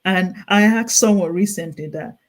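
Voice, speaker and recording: A Nigerian-accented woman with a lowish voice speaks at a normal speed as a guest clinical nurse specialist. Her interview talk is earnest and explanatory, urging her point, and she often restarts and repeats her sentences.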